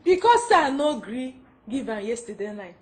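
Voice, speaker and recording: A woman with a Nigerian accent playing a fed-up young wife in a film drama. She is loud, animated and laughs often. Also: fairly high pitch, normal speed. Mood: mocking. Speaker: film actor.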